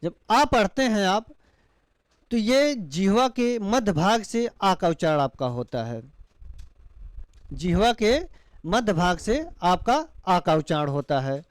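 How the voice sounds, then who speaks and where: Male teacher, smooth clear voice, dry sound; slow demonstrations of drawn-out vowels. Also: high-pitched, lively intonation, no echo. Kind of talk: classroom lecture.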